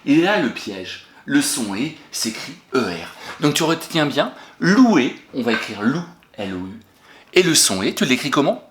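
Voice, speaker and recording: A French-accented male teacher walks young pupils through spelling words one by one, asking questions and cheering each answer. His voice swings up and down with lively, animated pitch, and it rings in a roomy, echoey space. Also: normal speed. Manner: encouraging, patient, questions and praises pupils. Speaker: primary school teacher. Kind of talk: remote spelling lesson for young children.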